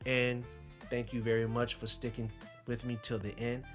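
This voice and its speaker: A man telling a story in a casual vlog, rambling and chatty, with animated asides. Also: mid-range voice, normal speed, faint music behind. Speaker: YouTuber.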